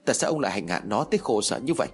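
Distraught older mother, tearful and accusing, lively swings in pitch, read by a male narrator. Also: racing, soft background music. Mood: weeping. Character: grieving, frantic older mother, wailing and blaming.

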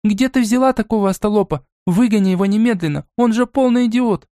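A man voicing a haughty, spoiled young noble girl in an audiobook, with a shrill, scornful and demanding voice. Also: fast talker, dark tone, dry recording, studio quality, lightly acted.

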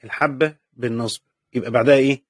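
A man speaking with an Egyptian Arabic accent delivers a classroom lecture on Quran commentary very fast, in a mid-range voice with fairly even intonation. He patiently asks himself questions, answers them, and repeats key points. The sound is clean studio audio with no room sound.

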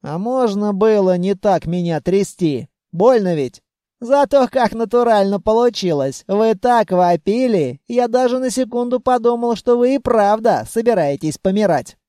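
A reader voicing a crafty, stubborn, plump male trickster who haggles and grumbles loudly, in an audiobook. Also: mid-range voice, expressive, unhurried, dry recording, studio quality, voice pushed up, lightly acted. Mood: sly. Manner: loud haggling, grumbling and scheming. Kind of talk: audiobook reading.

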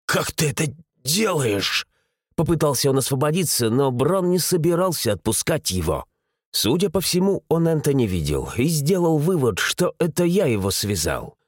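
Husky-voiced man reading an audiobook. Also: a little high, sing-song, moderate pace, no room sound, clean studio sound. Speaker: audiobook narrator. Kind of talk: first-person audiobook narration.

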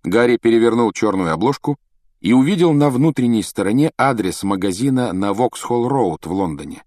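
Man, audiobook narration, steady expressive storytelling, middle pitch, dry close recording. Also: moderate pace, no echo. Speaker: audiobook reader.

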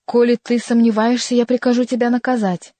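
A woman's voice: medium pitch, moderate pace, husky, dry recording, lightly acted. A woman doing a frightened trembling king. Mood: angry. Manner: fearful, hushed.

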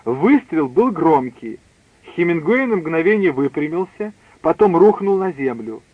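A man's voice: on the high side, very animated, unhurried, breathy edge, dry recording. Man reading a story on a tinny line. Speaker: narrator. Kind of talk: scripted audiobook reading. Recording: dry tinny phone-like line.

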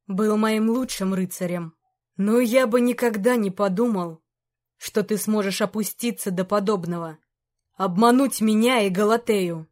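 A woman voicing a stern aging king who speaks slowly and gravely to a knight who disappointed him. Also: medium pitch, darkish tone, natural voice. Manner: slow, grave, measured.

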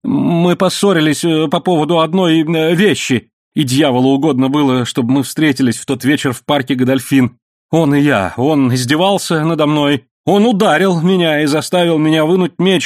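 A man's voice: dry recording, clean studio sound, natural voice. A man reading an audiobook, voicing a guilty young nobleman who pleads frantically. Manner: frantic, high-strung pleading.

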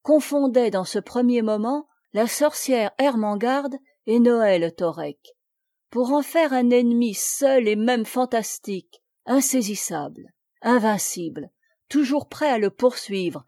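A woman narrates a classic tale in a measured, unhurried reading voice. Her tone is mellow and soft rather than bright. The recording is close and dry, with no room sound. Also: a little high, lively intonation, dry recording. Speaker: audiobook reader.

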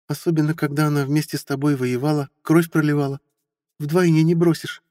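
A man putting on a bitter, high-voiced forty-year-old wife. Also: little pitch movement, fairly quick, dark tone, no room sound, studio quality, big-room sound, natural voice. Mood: reproachful. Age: 40s. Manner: bitter, sarcastic. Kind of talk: audiobook character voice.

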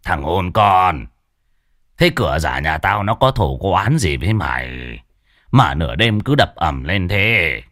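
A man voicing a grumpy old village sorcerer who talks in a gruff, grumbling, irritable way in a storybook tale. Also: very deep voice, sing-song, measured pace, pauses often, no echo, clean studio sound, voice pushed down, full character voice. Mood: scolding.

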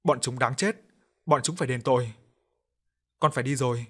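A man voicing the ghost of a young boy, calm and forgiving, with an echoing voice, in an audio story. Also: medium pitch, moderate pace, slightly rough, lightly acted. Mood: calm resolve.

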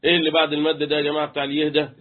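A man's voice: fairly high pitch, completely flat delivery, rapid-fire. A man with an Egyptian accent teaching Quran recitation rules, quizzing his students and chanting letters. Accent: Egyptian Arabic. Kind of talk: interactive tajweed lesson. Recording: tinny phone-like line.

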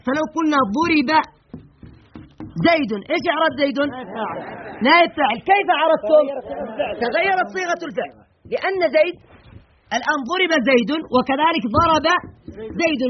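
Male teacher with a very high voice who drills and quizzes his class fast. Dull lo-fi recording. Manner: drills examples in rhythmic lists, quizzing students. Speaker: grammar teacher. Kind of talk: classroom grammar lesson with questions to students.

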